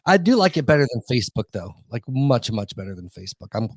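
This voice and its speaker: A man's voice: medium pitch, sing-song, fast, no echo. A male podcast host talking loosely and profanely, circling back through half-finished thoughts. His voice sits in the middle range, recorded close and dry with no room sound. He laughs along as he goes. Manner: rambling, profane, full of restarts and laughs. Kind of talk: casual podcast chat.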